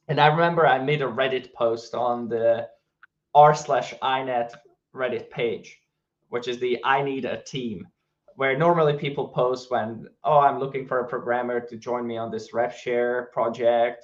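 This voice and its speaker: The recording cuts off the highs of this mid-range voice. It belongs to a Hungarian man, accent to match, who co-founded a game studio and chats easily in an interview, with many fillers and restarts.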